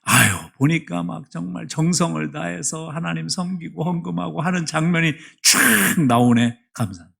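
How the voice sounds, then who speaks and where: A middle-aged male pastor delivers a sermon in a church with a gravelly, husky voice. His voice sits a little high for a man. He preaches emphatically and drops to hushed asides before rising to loud appeals. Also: moderate pace, few pauses. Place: church sanctuary.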